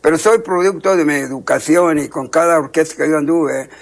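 A man's voice: fairly high pitch, brisk. An older man from Texas, a trumpeter, chatting in a radio interview and rambling through long lists of names. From Texas, USA. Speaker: trumpeter guest.

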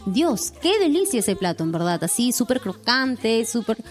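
A woman's voice: fairly high pitch, very animated, normal speed, soft background music. A young woman from Lima with a Peruvian accent, a singer chatting as an interview guest, laughing often and ending phrases with tag questions. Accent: Peruvian Spanish, Lima. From Peru, born in Lima. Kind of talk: casual interview chat.

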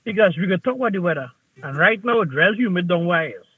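Over a tinny, phone-like connection with no echo, a man teases his talk show co-hosts in playful Caribbean English during casual chat. He sounds high and husky, talking at a quick pace with lively intonation.

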